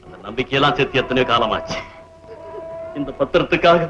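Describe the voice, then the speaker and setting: A man's voice: medium pitch, animated, fast talker, background noise, lightly acted. An actor playing a humble older fisherman father who pleads desperately, in 1960s film acting style, on a dull old film soundtrack. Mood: pleading.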